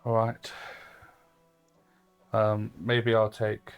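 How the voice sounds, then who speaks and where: A man with a low, gravelly voice talks through his character's old childhood room, wandering and hesitant, full of ums and likes. Soft music plays faintly behind him. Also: completely flat delivery, extremely slow. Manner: rambling, hesitant with many fillers. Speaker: player. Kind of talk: in-character tabletop role-play.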